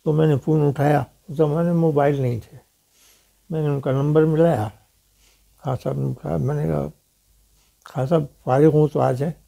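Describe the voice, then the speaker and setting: Older male storyteller from Pakistan, gravelly, dark and mellow tone, slightly higher pitch, acts out quoted lines. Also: fairly even intonation, long pauses. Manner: recounts stories, acting out others' quoted words. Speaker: interviewee, detective novelist. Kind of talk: anecdotal storytelling.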